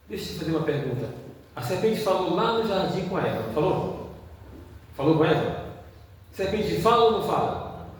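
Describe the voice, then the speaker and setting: A male evangelist preaching a sermon, who keeps putting questions to his congregation. His voice is high for a man and rings through a long reverberant church hall. He is picked up from a distance over faint background noise. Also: a little mellow. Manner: asks the congregation questions again and again.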